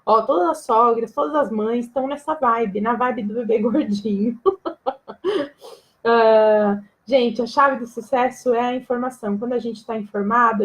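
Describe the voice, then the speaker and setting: A woman with a fairly high voice runs a live-stream talk as a breastfeeding educator. She explains in a plain, casual way and often stops to check that her viewers follow. She adds jokes and quick asides to the audience. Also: rough recording. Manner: explanatory, repeats "tá?" to check understanding.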